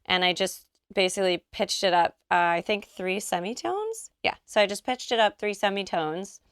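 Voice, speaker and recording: A woman's voice: medium pitch, lively intonation, moderate pace, clear, resonant tone, dry recording. A woman vocal producer walking through her track in a recording studio, chatty and gushing with slang. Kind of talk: casual studio walkthrough.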